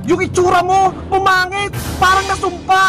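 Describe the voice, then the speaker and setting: Woman doing a loud, blunt cartoon boy. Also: very high-pitched, monotone, normal speed. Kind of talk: cartoon voice acting. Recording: music in the background.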